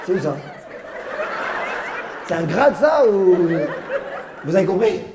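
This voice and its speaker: A man's voice: high voice, sing-song, slow. A male stand-up comedian doing live crowd work, teasing audience members and chuckling through his lines. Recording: roomy live hall with crowd noise.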